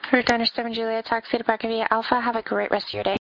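A woman working as an air traffic controller on the radio, giving clipped procedural instructions in an even delivery. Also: rapid-fire, vocal fry, no room sound. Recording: muffled low-fidelity radio audio.

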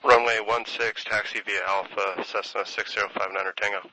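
A man's voice: lowish voice, steady tone, fairly quick, pushed and bright. A man speaking as a pilot over a headset radio, making calls in aviation phraseology. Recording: faintly noisy, clicking radio link.

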